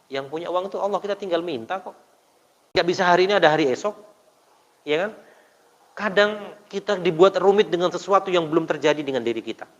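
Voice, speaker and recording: A fairly high-voiced man preaches to a congregation in a big echoing hall, with long reverb trailing his words. He tells stories and keeps turning to the crowd with questions. The sound is dull and muffled. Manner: storytelling with rhetorical questions to the congregation. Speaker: Islamic preacher. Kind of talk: mosque study sermon. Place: mosque hall.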